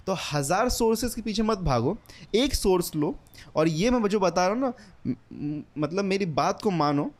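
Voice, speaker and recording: A young man, giving an earnest, casual English lesson and repeating his points, with English words mixed into his speech. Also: fairly high pitch. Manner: earnest, repetitive, mixes English words into Hindi. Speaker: English teacher. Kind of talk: casual spoken lesson, book recommendation.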